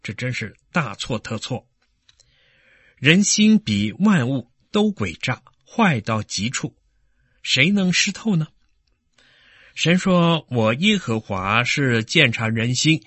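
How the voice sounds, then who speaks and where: Husky-voiced man preaching a sermon. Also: medium pitch, fairly bright tone, no echo. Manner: earnest teaching tone, slows down to read scripture.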